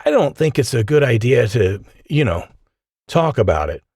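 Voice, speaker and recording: Eager, slightly unsure young male physicist, as a narrator puts him on, animated, dry close sound. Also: medium pitch, moderate pace, husky, no room sound. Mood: earnest.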